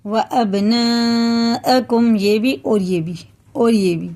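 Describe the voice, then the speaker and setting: A woman teaching the rules of Quran recitation, explaining patiently and then reciting verses slowly and drawn out, often checking that listeners follow. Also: medium pitch, vocal fry, mellow. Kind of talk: tajweed lesson with slow recitation.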